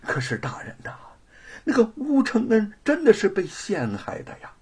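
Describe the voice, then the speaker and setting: A man's voice: sits high, huge pitch swings, normal speed, a little mellow, husky, voice pushed up, exaggerated voice. A man voicing a timid male house servant who speaks in a cautious half-whisper.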